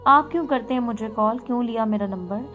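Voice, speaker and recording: A woman reading a soft-spoken, sorrowful young woman. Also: on the high side, fast talker, soft background music, close to an everyday voice. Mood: wistful. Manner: soft, quiet delivery.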